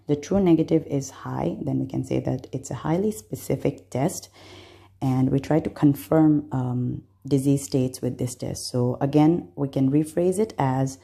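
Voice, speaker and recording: A woman's voice: rumbling low, creaky, mellow. A woman from Bangladesh, a medical student walking through exam concepts step by step, patient, with frequent fillers.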